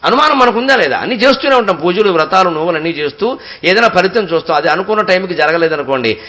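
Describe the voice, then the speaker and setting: A man giving a devotional discourse, telling stories expressively and chanting verses slowly and at length. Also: sits high. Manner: expressive storytelling, slow drawn-out verse recitation. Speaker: spiritual discourse speaker.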